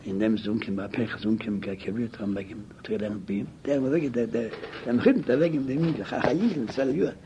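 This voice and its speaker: An older man telling his memories in an interview, in halting, fragmented speech that keeps repeating words, on a muffled, hissy lo-fi tape. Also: fairly low pitch. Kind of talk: oral history interview. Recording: muffled lo-fi tape with loud hiss.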